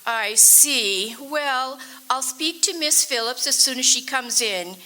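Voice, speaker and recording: Prim hospital receptionist, played by a woman: bright, high, crisp and formal. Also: expressive, takes it slowly, full character voice, poor audio. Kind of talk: live stage radio play.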